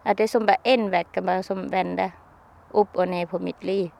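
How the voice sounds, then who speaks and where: Speaking haltingly and often beginning again, a woman being interviewed describes something from her own life in simple terms. Her lowish voice is gravelly yet a little mellow, and her tone stays steady.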